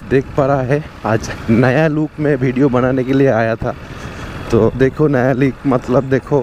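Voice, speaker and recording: A young man from West Bengal, India, whose first language is Bengali, chats in a medium-pitched, slightly mellow voice with a Bengali accent. He's a motovlogger riding along a riverbank, chatty and repeating "theek hai" and "dekho," and his helmet or chest action camera catches slight background noise.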